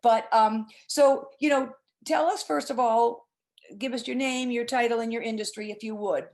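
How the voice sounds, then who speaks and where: A woman's voice: fairly high pitch, steady tone, moderate pace, a little mellow. Middle aged woman hosting a webinar, chatty n emphatic, kinda effusive, explains stuff informally. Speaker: host, presenter.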